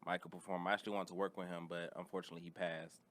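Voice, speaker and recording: A man talking as a podcast guest, telling personal stories in a casual, halting way. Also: low voice, level tone, fairly bright tone.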